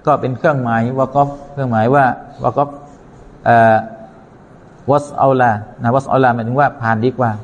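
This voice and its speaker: A man's voice: mid-range voice, fairly even intonation, brisk, lo-fi sound. A man teaching Quran recitation, chanting verses and then explaining pronunciation step by step in a careful lesson. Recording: long reverberant hall.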